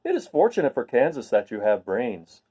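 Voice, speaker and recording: A man's voice: mid-range voice, huge pitch swings, normal speed, mellow, slightly rough. A man voicing a naive, earnest and cheerful scarecrow stuffed with straw in a storybook reading. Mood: earnest, puzzled. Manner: earnest, artless, wondering.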